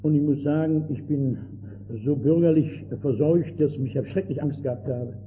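An older man preaching a sermon with fervor, swinging between loud outbursts and hushed words. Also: fairly high pitch, normal speed. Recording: tinny old lo-fi recording with faint hiss.

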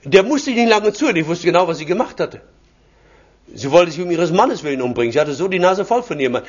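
A man's voice: high voice, sing-song, fast talker, slightly rough. An older man preaching a personal sermon, telling stories from his own life with chuckles mixed in. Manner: anecdotal, chuckling storyteller. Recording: dull lo-fi recording.

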